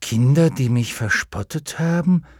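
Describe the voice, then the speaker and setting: A man voicing a proud, touchy young boy in an audiobook, quick to take offense. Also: medium pitch, gravelly, a little mellow, no echo, studio quality, voice pushed up. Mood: astonished. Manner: touchy, defensive. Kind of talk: audiobook character voice.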